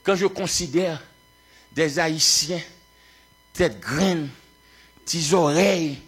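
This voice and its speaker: A man from Haiti with a Haitian accent, a pastor preaching a fervent sermon that swings between quiet storytelling and shouted exhortation. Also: fairly high pitch, takes it slowly, husky.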